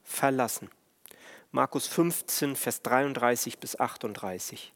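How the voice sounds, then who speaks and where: A man preaching a sermon on the Passion in a slow, measured, solemn way. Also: medium pitch. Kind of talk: sermon on the stations of the cross.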